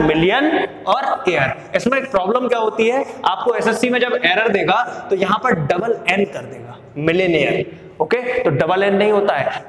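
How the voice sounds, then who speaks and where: A man's voice: high voice, a bit bright. Indian man quizzing students in an echoey room. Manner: quizzing, asks and answers his own questions. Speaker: exam coaching teacher. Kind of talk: casual spoken lesson. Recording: echoey room with long reverb.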